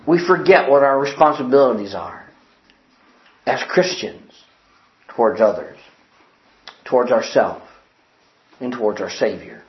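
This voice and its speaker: In a church with an echoey, dull lo-fi recording, a man with a mid-range, expressive voice preaches a sermon earnestly and emphatically. He speaks a little slowly, pausing often, repeating key phrases and quoting old-fashioned scripture wording.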